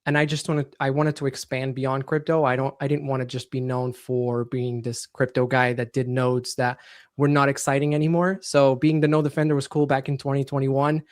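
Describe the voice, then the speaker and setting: A man from Portugal with Portuguese as his first language, a podcast guest explaining his story in a relaxed, steady way. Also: medium pitch, moderate pace, no echo, clean studio sound. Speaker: guest entrepreneur. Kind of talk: casual interview chat.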